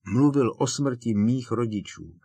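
Audiobook: an earnest teen boy pressing his point, quiet but unyielding, voiced by a man. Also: medium pitch, slightly rough, dry recording, lightly acted. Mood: grim. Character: teenage boy wizard, grim, insistent.

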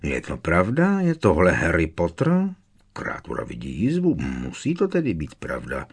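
A man's voice: deep voice, wildly swooping pitch, breathy edge, full character voice. A man voicing a bitter, servile old male house-elf who mutters to himself, read as an audiobook character. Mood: muttering, resentful. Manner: muttering under his breath.

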